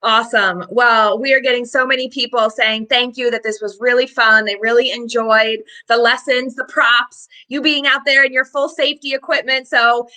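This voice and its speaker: A woman's voice: fairly high pitch, fairly even intonation, moderate pace, hardly any pauses, sharp tone. A woman hosting a live-stream interview, upbeat and chatty, with filler words. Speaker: host.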